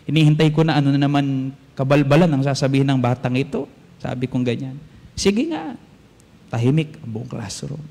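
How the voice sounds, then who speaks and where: Animated priest in an echoey church. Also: male voice, medium pitch, brisk, creaky. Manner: animated, mixes languages, acts out quoted voices. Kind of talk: homily with storytelling. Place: large church. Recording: echoey church with long reverb.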